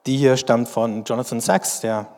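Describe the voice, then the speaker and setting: A man with a mid-pitched voice reads scripture with slow deliberation. Between passages he explains the text in measured commentary. His voice trails into a long reverb, as in a large hall. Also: steady tone, a little mellow. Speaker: bible teacher.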